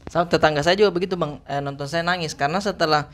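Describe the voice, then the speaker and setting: A stand-up comedian in casual podcast chat, speaking politely and agreeably to the older hosts. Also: male voice, on the high side, rapid-fire, a bit bright. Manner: polite, agreeable, addresses others respectfully.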